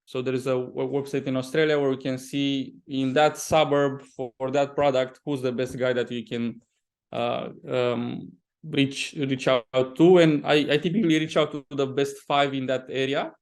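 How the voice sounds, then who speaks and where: Speaking at a moderate pace, this Romanian-accented man has a mid-range voice with fairly even intonation. As a property developer guesting on a podcast, he answers questions conversationally, often halting and repeating words partway through sentences.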